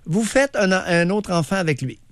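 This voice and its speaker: A man's voice: sits high, animated, moderate pace, no room sound. A male radio host with a Québécois French accent, bluntly and sarcastically probing a caller. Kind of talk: call-in radio show.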